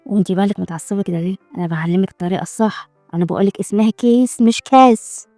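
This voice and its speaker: A woman's voice: on the low side, steady tone, racing, warm tone, dry recording, soft background music, pitched below the performer's own voice, natural voice. A woman voicing an arrogant, commanding male mafia boss, giving clipped orders in an Egyptian accent. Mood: stern. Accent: Egyptian Arabic.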